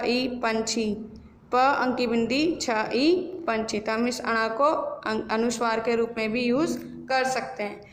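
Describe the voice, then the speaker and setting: A woman school teacher giving a grammar lesson, spelling words out slowly and mixing English words into her explanations. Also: on the high side, a bit bright. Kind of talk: recorded Hindi grammar lesson. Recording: echoey room.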